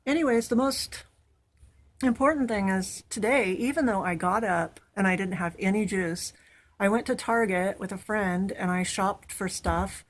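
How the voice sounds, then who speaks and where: A woman's voice: mid-range voice, a little hiss or hum. A young woman chatting casually in a home vlog, upbeat and rambling. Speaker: vlogger. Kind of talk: casual chat.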